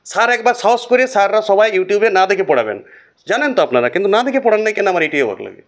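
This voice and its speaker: A man's voice: high-pitched, quick pace. A man teaching a whiteboard biology lesson, chanting memory lists in a sing-song way and talking straight to his students. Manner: lively, repetitive, talks straight to students.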